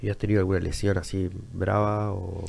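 A man with a Uruguayan accent hosting a relaxed conversation, interjecting often. He has a deep, gravelly voice with a lot of vocal fry, and he speaks at a rapid clip. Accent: Uruguayan Spanish. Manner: fast, chatty, interjecting. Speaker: host. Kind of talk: casual conversation.

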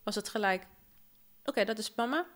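Lively young woman from Suriname telling stories. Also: medium pitch, brisk. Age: young adult. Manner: lively storyteller, acts out quoted voices, laughs often. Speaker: podcast co-host. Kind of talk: casual chat.

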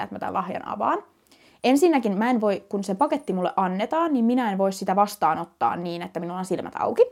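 A woman's voice: medium pitch, vocal fry, a little mellow. A young woman co-hosting a casual chat podcast, telling stories animatedly and laughing often. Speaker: podcast co-host.

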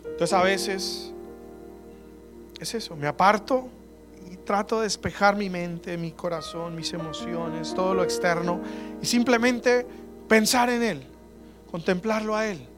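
A man preaching an earnest, personal sermon on prayer, often dropping to soft prayerful tones. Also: high-pitched, steady tone, a little slow, long pauses. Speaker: pastor. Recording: music bed under the voice. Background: soft instrumental music.

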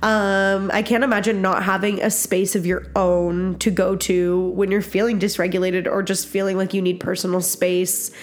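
A woman's voice: flat delivery, normal speed, hardly any pauses. Stuffy-nosed woman, casual podcast host. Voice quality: stuffy nose, congested; low, raspy. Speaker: podcast host, social worker. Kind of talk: casual chat.

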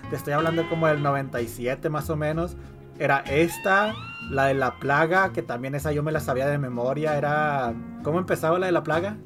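A man with a Mexican accent and a slightly high voice hosts a casual podcast. He talks in loose, rambling slang. Guitar music plays clearly behind him. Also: brisk. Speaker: podcast host.

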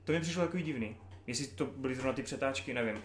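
A man co-hosting a casual podcast chat, laughing loudly and swearing casually. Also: mid-range voice. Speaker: podcast co-host. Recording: roomy echo with faint noise.

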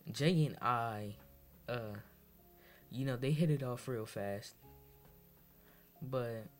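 A young man from Massachusetts hosting his first solo podcast, talking in a rambling, hesitant way full of fillers and restarts, sounding tired. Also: medium pitch. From Massachusetts, USA. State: tired, low on energy. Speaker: podcast host. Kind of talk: casual solo podcast monologue.

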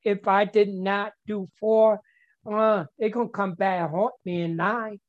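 Slow-talking, stuttering man, earnest share. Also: sits high, fairly even intonation, lo-fi sound. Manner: stutters, repeats words and restarts often; simple, earnest, heartfelt phrasing. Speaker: member sharing at a recovery meeting. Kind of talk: personal share at a twelve-step meeting.

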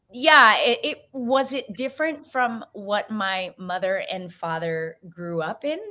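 A woman from San Francisco, a podcast guest who tells her life story in a lively way and acts out the voices of the people in it. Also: medium pitch. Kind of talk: storytelling interview answer.

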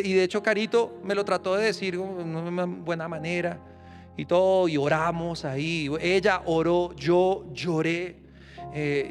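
A man preaching a sermon as pastor, rising to loud emphatic declarations and dropping to a personal storytelling tone. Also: high-pitched.

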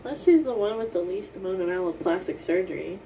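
A woman's voice: lowish voice, animated, brisk, creaky, dark tone. A young woman co-hosting a podcast in casual chat, speaking in an informal, matter-of-fact way. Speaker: podcast co-host. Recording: distant mic, faint background noise.

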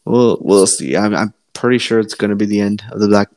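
A man co-hosting a wrestling podcast, chatting casually and excitedly, swearing and restarting his sentences. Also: on the low side, fairly quick, no room sound. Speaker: podcast co-host.

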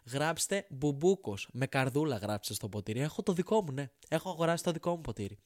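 A man's voice: on the high side, lively intonation, no room sound, studio quality. A man delivering a sarcastic, profane, exasperated comedic rant straight to the audience. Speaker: comedian ranting to camera.

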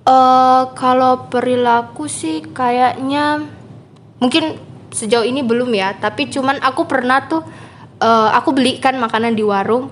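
Interview guest: young woman, unhurried and halting, fairly high voice. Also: a little hiss or hum. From Papua. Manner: slow, hesitant, laughs often. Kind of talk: casual interview chat.

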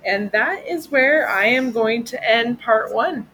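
A woman's voice: fairly high pitch, slow pace, a bit bright, slight background noise, low-quality recording. A woman hosting a casual true-crime podcast, chatty and loose, often breaking into giggles. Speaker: podcast host.

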